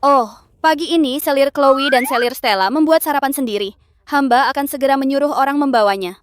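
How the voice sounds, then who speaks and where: An actress dubbing a loyal young palace maid who speaks deferentially and politely. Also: female voice, sits high, brisk, no room sound, studio quality, natural voice. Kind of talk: Indonesian drama dub.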